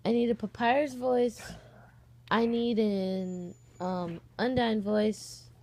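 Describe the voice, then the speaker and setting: A young woman, an amateur voice actor and video host, sits on her bed at home and chats casually for a vlog, rambling and getting sidetracked easily. Her voice is fairly high and a little mellow, with fairly even intonation and a slow pace.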